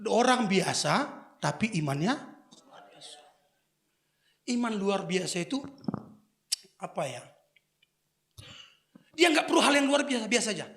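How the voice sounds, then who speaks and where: A male pastor, preaching a humorous sermon with stories and shouted prayers. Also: sits high, sing-song, measured pace, long pauses. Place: church service.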